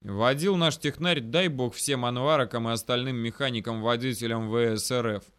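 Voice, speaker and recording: A man narrating a military story in the first person for an audiobook, brisk and vivid. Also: mid-range voice, fairly bright tone, clean tone.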